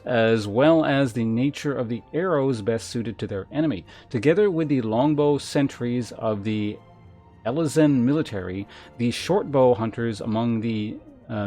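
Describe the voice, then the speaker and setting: A man with a medium-pitched, slightly mellow voice livestreams a game, chatting casually while thinking aloud and reading game text. Game music plays in the background.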